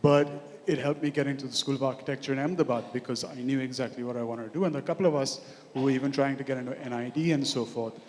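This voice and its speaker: A man in his forties with an Indian accent speaks from the floor at a conference. His voice is medium in pitch and earnest, moving through examples one by one. The big room gives him long reverb. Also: fairly even intonation, very fast, a little mellow. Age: 40s. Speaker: audience member, architect. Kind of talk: impromptu comment at a conference. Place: large hotel conference hall. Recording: echoey hall with long reverb.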